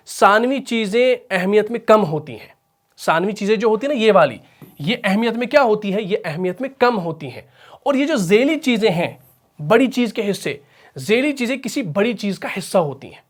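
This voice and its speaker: Patient man teaching a recitation lesson. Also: sits high. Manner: repeats points, asks questions and answers them himself; patient, slow and deliberate explanation. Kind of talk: explanatory lesson.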